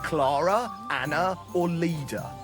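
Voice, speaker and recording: A man's voice: on the high side, slow pace, over music. An actor playing a crude, boozy male troubadour in a video game, boisterous and mocking. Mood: rowdy. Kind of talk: video game cutscene acting.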